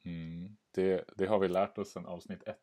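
A man's voice: deep voice, flat delivery, mellow. A man co-hosting a podcast in casual chat, laughing, self-mocking and swearing casually. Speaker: podcast co-host.

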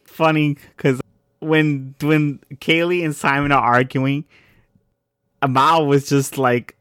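A man's voice: fairly high pitch, fairly even intonation, takes it slowly, fairly bright tone, clean tone, no echo. Giggly man recapping a show, dry sound. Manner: giggly, laughs often while summarizing. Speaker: podcast co-host. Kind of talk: casual chat recapping a TV episode.

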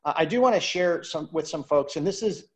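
A man's voice: on the high side, expressive, a little fast, poor audio. A man hosting a virtual wine tasting over a video call, chatting in a rambling way and repeating words as he looks for what to say. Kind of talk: interview chat.

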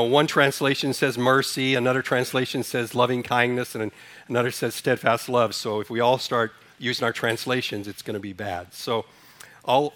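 This man, a pastor from Sudan, gives a sermon in a chatty style, questioning his listeners and then guiding a responsive reading one line at a time. He has a mid-range, slightly bright voice.

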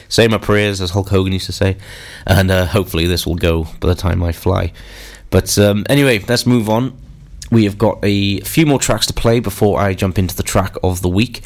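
A man with a bunged-up, stuffy nose from a cold, casually presenting a rock radio show in a chatty, informal way. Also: low-pitched. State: congested with a cold.

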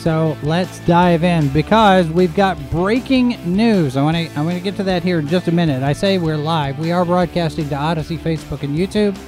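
A man hosting a live show, chatting casually through the news in a halting, digressive way. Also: a little high, darkish tone, faint music behind. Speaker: host and editor of a live show.

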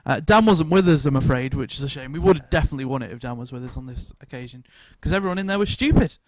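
A man's voice: mid-range voice, animated, fast, noisy background. A man hosting a podcast, telling jokey, rambling anecdotes in casual chat. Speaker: podcast host.

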